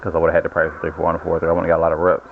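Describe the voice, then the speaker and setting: A man's voice: deep voice, monotone, very fast, gravelly. A man giving casual, rambling commentary while he plays a video game. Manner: rambling, self-correcting storyteller. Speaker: gaming channel host. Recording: lo-fi phone-like audio with noise.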